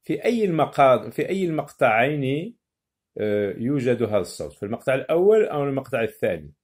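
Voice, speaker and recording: A man teaching a children's phonics lesson, repeating each word slowly and sometimes explaining in Arabic. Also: mid-range voice, big pitch swings, darkish tone. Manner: slow, repeats words syllable by syllable.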